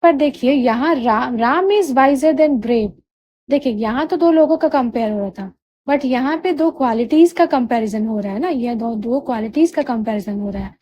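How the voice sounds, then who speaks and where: High-voiced, mellow woman teaching grammar. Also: no echo. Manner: patient, repeats "ठीक है" and "है ना" to check understanding; drawls key words slowly to spell them out. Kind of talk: explanatory lesson.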